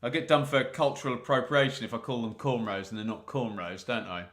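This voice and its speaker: An English man hosts a live football watch-along, commentating on the match and chatting with viewers through jokes and asides. His voice sits at medium pitch and sounds a little bright, and he talks briskly.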